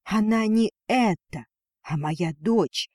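A man voicing a fierce, protective dragoness mother in a storybook reading, his voice pushed higher and emotional. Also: slow pace, darkish tone, no room sound, studio quality. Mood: furious. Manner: pleading then defiant, raised voice.

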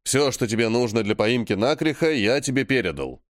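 A man's voice: mid-range voice, lively intonation, fairly quick, no echo, clean studio sound, natural voice. A man reading the lines of a stubborn, evasive male mage mentor in an audiobook, brusque and dismissive. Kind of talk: audiobook dialogue.

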